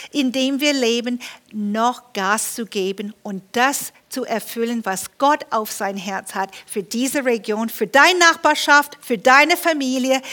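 High bright-voiced woman preaching. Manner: lively storytelling preacher with humor. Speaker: pastor. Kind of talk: sermon. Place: church.

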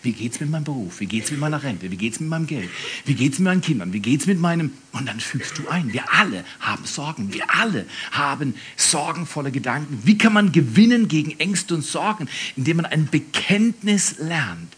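Preacher, male, husky tone, animated delivery that swings between shouts and whispers. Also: on the high side, fairly quick. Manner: lively, swings from loud emphasis to soft whispers. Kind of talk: sermon.

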